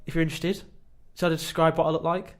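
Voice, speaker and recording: A man co-hosting a casual chat podcast, rambling and self-deprecating, with sudden animated bursts. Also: a little high, fast talker. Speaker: podcast co-host.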